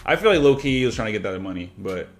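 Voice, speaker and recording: A man co-hosting a reaction chat, talking quickly and casually, swearing now and then and slipping into quick impressions of characters. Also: lowish voice, faint music behind. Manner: fast, animated, swears casually, mimics characters' lines. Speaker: reaction channel co-host.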